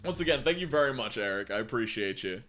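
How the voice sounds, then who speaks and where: A man's voice: mid-range voice, animated, fast, sharp tone, slight background noise. Casually swearing male streamer. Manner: casual and profane, laughs and reacts between lines. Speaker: streamer reading stories aloud. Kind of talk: live-stream story reading and chat.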